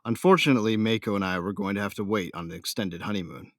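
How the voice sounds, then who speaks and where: Playing a young starship captain who is newly married, devoted to his husband role, and a loyal son of smugglers, a man tells his own story in a sci-fi audio drama. He speaks fast in a fairly low voice, lightly acted with an earnest, tender mood, in clean studio sound with no room tone.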